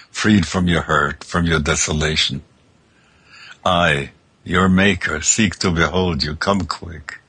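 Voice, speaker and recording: A man's voice: sits low, fairly bright tone, husky, no room sound, exaggerated voice. A man voicing a tender divine lover. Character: divine male lover calling back his bride.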